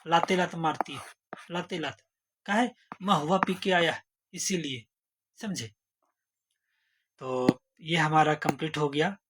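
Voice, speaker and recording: A man teaching an exam-prep lesson, asking rhetorical questions and using playful memory tricks. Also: on the high side. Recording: noisy recording. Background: steady background noise.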